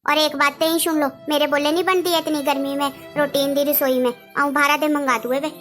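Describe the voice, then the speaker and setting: A woman playing a sharp-tongued, lazy sister-in-law who scolds and makes excuses. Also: high-pitched, steady tone, brisk, faint music behind. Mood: taunting.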